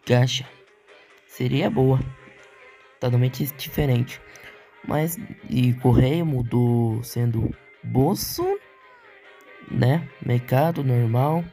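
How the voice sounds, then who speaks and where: A Brazilian man casually commenting on a game, musing slowly and often tagging his lines with a questioning "né?". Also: medium pitch, warm tone. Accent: Brazilian Portuguese. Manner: slow, musing, with frequent "né?" tags. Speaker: gaming channel host.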